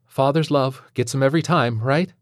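A man's voice: medium pitch, moderate pace, no echo, clean studio sound, voice pushed up, close to an everyday voice. A man doing a prim, preachy schoolteacher woman. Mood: chirpy. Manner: condescending, sugary, preachy. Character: prim passive-aggressive female kindergarten teacher. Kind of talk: audiobook character voice.

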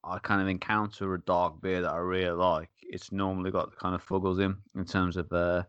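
Laid-back man with a low voice. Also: little pitch movement, brisk, fairly bright tone, smooth, dry recording, highs cut off. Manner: laid-back, laughing often. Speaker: podcast co-host. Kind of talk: casual chat.

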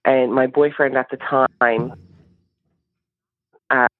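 A woman's voice: a bass voice, fairly even intonation, slow, no room sound. A woman with a Newfoundland accent telling a personal story casually as a caller on a phone line. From Newfoundland, Canada. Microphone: phone call. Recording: tinny, narrow-band phone line.

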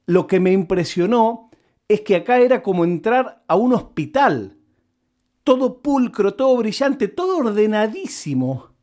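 A man's voice: sits high, big pitch swings, measured pace, mellow. A man with an Argentine Spanish accent, telling a story in a casual monologue and repeating words for comic effect.

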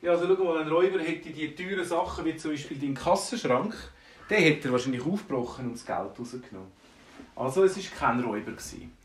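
A man with a Swiss German accent voicing a calm, sensible male dwarf who speaks in a low, soothing, reasonable way. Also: fast talker, a little hiss or hum, natural voice. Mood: reasoning. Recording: roomy, from a distance.

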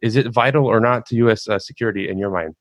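A man's voice: fairly low pitch, fast talker, dry recording. A man interviewing a guest, setting up his question at length before asking it. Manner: long wind-up before asking.

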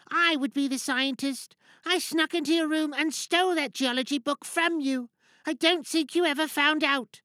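A man's voice: extremely high pitch, bright, forceful tone, no room sound, clean studio sound, voice pushed up. A man voicing a young girl cartoon piglet, speaking in a childlike way. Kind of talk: dramatic monologue reading in character.

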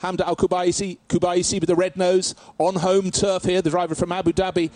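A man's voice: high voice, little pitch movement, a little fast, a little mellow, no room sound. A man giving live race commentary as a motorsport commentator, mixing action calls with analysis and storytelling.

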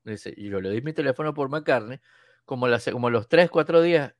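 A man, co-hosting a podcast and telling an anecdote in casual chat, lively and acting out the voices he quotes. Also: medium pitch, brisk, no echo, studio quality. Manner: animated storyteller, acts out quoted voices.

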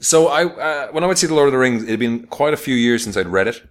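A man's voice: mid-range voice, animated, quick pace. A man co-hosting a film podcast, reviewing in casual chat with dry, sweary humour.

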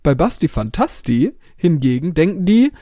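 A man co-hosting a podcast, telling a story in a casual way and acting out the dialogue with lively voices. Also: fairly high pitch, normal speed, no room sound, studio quality. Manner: animated storyteller who acts out dialogue. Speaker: podcast co-host.

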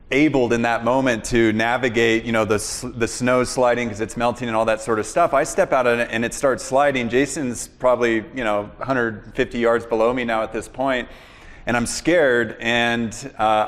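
A man's voice: medium pitch, fairly bright tone, long reverb tail. A man hosting an interview, telling a long story in a rambling way with many fillers. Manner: rambling, fills pauses with "you know" and "uh". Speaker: podcast host interviewing a guest.

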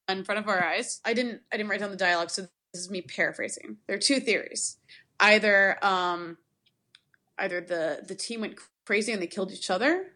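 A woman casually recapping a horror film on a podcast, rambling with lots of fillers. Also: mid-range voice. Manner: rambling, filler-heavy, animated retelling. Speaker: podcast co-host.

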